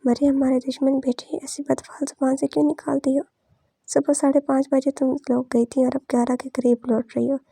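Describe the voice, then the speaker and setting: A soothing old matriarch from a storybook, as a woman reads her. The voice is high but deep-toned and dark, with a gravelly grain and very little pitch movement. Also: level tone, brisk, dry recording. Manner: soothing, affectionate. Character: gentle elderly matriarch.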